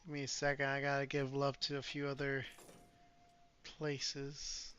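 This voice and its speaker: A man's voice: mid-range voice, completely flat delivery, a little slow, fairly bright tone, clean tone, dry recording. A man streaming a strategy game, chatting casually and playfully teasing his girlfriend between moves. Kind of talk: casual livestream chat while gaming. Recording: slightly dull sound with faint music behind.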